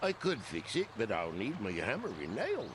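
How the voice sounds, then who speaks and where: A man's voice: medium pitch, wildly swooping pitch, normal speed, slight background noise. A man voicing a plain-spoken rustic hobbit repairman in a video game. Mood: matter-of-fact. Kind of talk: video game character acting.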